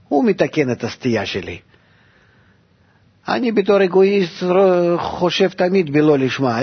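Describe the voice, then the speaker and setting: A man explains a text to his students with a husky, breathy voice. He repeats words over and over and jumps up in pitch on the points he stresses. The recording is dull and lo-fi. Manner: repeats words, rising to emphatic bursts. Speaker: teacher. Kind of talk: explaining a text in a study lesson.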